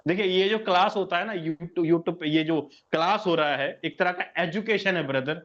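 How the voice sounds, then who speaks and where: A man's voice: high voice, normal speed, fairly bright tone, dull audio. A man giving an online sales presentation, pushy and emphatic, repeating key points and calling the listener sir and brother. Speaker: business plan presenter.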